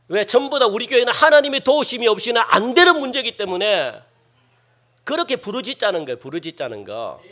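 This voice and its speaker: A male pastor with a very high voice preaches a sermon, questioning his congregation and acting out loud, pleading prayers with strong emphasis.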